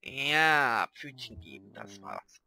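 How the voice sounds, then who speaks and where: A man's voice: medium pitch, very animated, slow pace, gravelly, bright, forceful tone. A man hosting a casual Let's Play, chatting and talking fondly to the characters on screen. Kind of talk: casual gameplay commentary.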